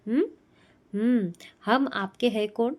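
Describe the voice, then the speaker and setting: Lady reading young wife, fussy and playful, bit high voice. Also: slow pace, darkish tone. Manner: pleading, playful. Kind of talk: storybook reading.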